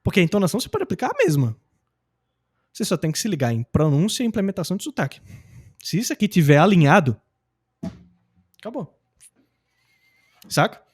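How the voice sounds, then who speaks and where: A young adult man from Brazil gives a casual, slang-filled lesson on learning English. His voice sits fairly high. He talks with lots of energy and keeps acting out example phrases. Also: huge pitch swings, brisk, pauses often, breathy edge. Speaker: English teacher. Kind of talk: casual teaching talk.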